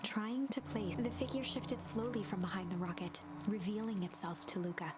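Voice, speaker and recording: A woman giving an even storybook narration of a game's scenes. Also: medium pitch, moderate pace, very noisy.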